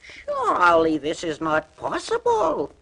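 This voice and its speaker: A crafty, daring storybook tomcat with a lofty, sly voice that swoops wildly up and down , as a male narrator puts him on. He speaks in a slow, drawn-out and theatrical manner. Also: huge pitch swings, vocal fry, crowd noise, heavily acted. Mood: sly coaxing. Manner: sly, theatrical, high put-on voice. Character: clever bold male talking cat.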